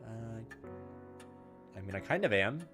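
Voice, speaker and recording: A man hosting a gaming video reads on-screen text aloud and tosses in flippant commentary, let's-play style, with video game music behind him. His voice is fairly low and a bit bright, with lively intonation and an unhurried pace.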